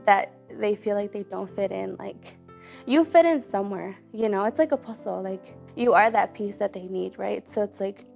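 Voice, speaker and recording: A woman's voice: medium pitch, normal speed, gravelly, darkish tone, faint music behind. A young woman from Mexico, a college student, sharing her personal story in a casual, earnest way with many fillers. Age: young adult. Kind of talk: personal testimony.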